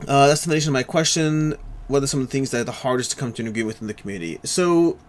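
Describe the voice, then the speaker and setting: A man co-hosting a board game stream, thinking aloud as he plans his moves. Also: mid-range voice. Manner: quick, thinks aloud, mutters to himself. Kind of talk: casual chat while playing.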